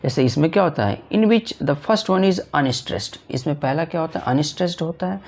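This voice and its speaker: A male teacher runs an exam-prep lesson in a gravelly, somewhat high voice. He keeps repeating himself, posing little questions and then answering them, and slows right down whenever he reads an English line. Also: lively intonation, a little mellow. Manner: repetitive, asks and answers his own questions; reads English lines slowly then explains in Hindi.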